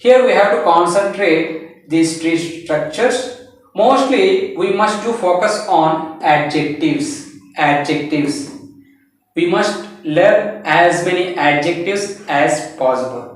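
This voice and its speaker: A man with a Telugu-accented voice, a bit high for a man, teaches English in a drawn-out, deliberate way. He repeats each example sentence slowly so learners can follow. The voice sounds distant, recorded in a very echoey room. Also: animated. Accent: Indian English, Telugu. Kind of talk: bilingual English lesson with Telugu explanations. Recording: echoey room, far from the mic.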